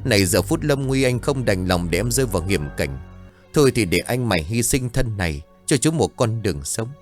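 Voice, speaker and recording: A man doing a gruff scrawny gang boss. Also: lowish voice, animated, fairly quick, soft background music, natural voice. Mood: solemn. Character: scrawny small-time male gang boss, gruff, melodramatic.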